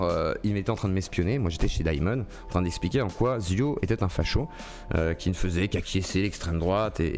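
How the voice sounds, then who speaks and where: A man's voice: on the low side, a little mellow. A man live-streaming, reacting to a video with an indignant, crude rant and mocking put-on voices. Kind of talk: ranting live-stream commentary.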